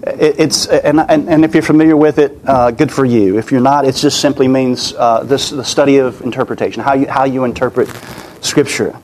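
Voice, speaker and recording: A man's voice: medium pitch, steady tone, fairly quick, a little mellow, a little hiss or hum. A man preaching a sermon in an earnest way, often repeating and restarting his words, his voice weak and worn.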